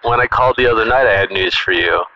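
A man's voice: fairly low pitch, fast talker, a crowd in the background. A young man co-hosting a casual phone chat, joking in a dry, teasing way. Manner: teasing, deadpan jokes. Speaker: podcast co-host. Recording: muffled noisy call recording.

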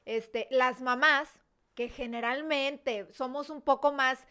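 Woman talk show host, high, bright-toned, casual. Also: steady tone, takes it slowly, smooth. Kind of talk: casual chat.

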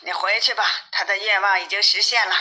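A magic talking flounder that grants wishes and gives short, clipped answers, voiced by a woman telling a fairy tale. The voice is quick and bright. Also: medium pitch, steady tone. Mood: curt. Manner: curt, brief replies.

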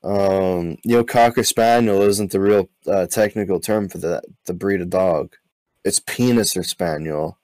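Deadpan man telling one-liners. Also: low-pitched, measured pace, no room sound, poor audio. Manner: deadpan one-liners, laughs at own jokes. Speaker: podcast guest comedian. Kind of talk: casual joke-telling chat.

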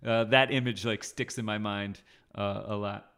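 A man co-hosting a podcast, chatting casually about a movie trailer, halting and repeating himself, quick to laugh. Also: on the low side, steady tone, fairly bright tone, clear, resonant tone. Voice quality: halting, lots of fillers and restarts, laughs easily. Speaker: podcast co-host. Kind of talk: casual movie-review chat.

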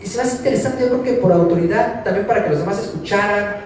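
A Mexican man with a high voice gives a casual sermon, talking to the people in front of him and asking them questions. He is heard from a distance in a very echoey church hall, with faint room noise behind him. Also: quick pace, darkish tone. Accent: Mexican Spanish. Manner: conversational, asks the congregation questions. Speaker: preacher. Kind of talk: informal sermon.

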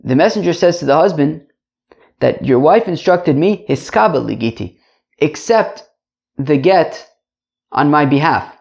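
Indoors, a man teaches an informal religious lesson to a class, chatting, repeating phrases and checking in with rhetorical questions. His voice is fairly high-pitched and darkish, expressive and measured, with vocal fry and frequent pauses, and the highs are cut off.

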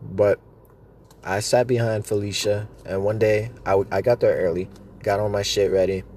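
A man's voice: on the low side, fairly even intonation, moderate pace, a little mellow, a little hiss or hum. A man rambling through stories in a casual, joking, sweary way, talking with chewing tobacco in his mouth.

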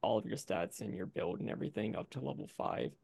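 A man's voice: on the low side, expressive, fast, creaky, a little mellow, husky, dry recording. A man panelist chatting casually, wry and reflective. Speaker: panelist on a role-play show.

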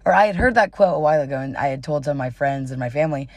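In a dry recording, a young adult woman races through her casual solo podcast, animated and giggly, using "y'all" in her informal, chatty way. Her low, darkish voice is slightly worn, as though she is starting to lose it.

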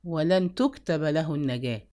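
A woman's voice: sits low, normal speed, dark tone, voice pushed down, lightly acted. A woman voicing a persistent male suitor in a read-aloud story, coaxing and insistent. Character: persistent middle-aged male suitor, smooth-talking.

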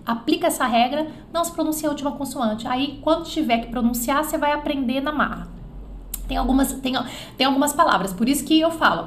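A woman with a Brazilian Portuguese accent teaching French in a live online lesson, lively and repeating words slowly for practice. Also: fairly high pitch.

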